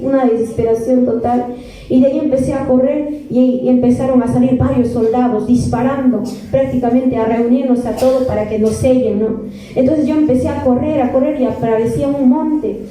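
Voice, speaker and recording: A woman's voice: high voice, dark tone. A woman with a Peruvian accent giving an earnest testimony to a church congregation, repeating words as she goes. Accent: Peruvian Spanish. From Peru. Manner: earnest, repeats words, addresses listeners as beloved brethren. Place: church hall. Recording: echoey church from far off.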